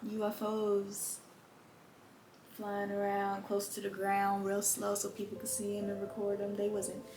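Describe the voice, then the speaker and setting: A woman talking casually in an animated, slangy, emphatic way, like a host chatting with a friend. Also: mid-range voice, measured pace, slight background noise, low-quality recording. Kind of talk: casual chat. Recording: music playing behind. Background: music.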